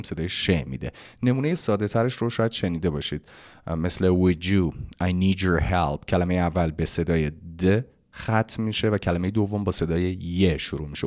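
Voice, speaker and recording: A man with a very low, deep voice gives an English lesson. He explains pronunciation patiently and drawls each English phrase slowly so learners can copy it. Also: darkish tone. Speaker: English teacher.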